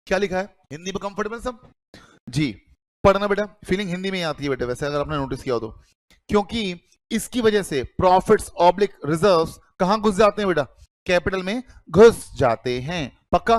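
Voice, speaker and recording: A man's voice: sits high, no room sound. A man teaching accounting to a class, calling students "beta" and asking then answering his own questions. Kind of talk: classroom lecture.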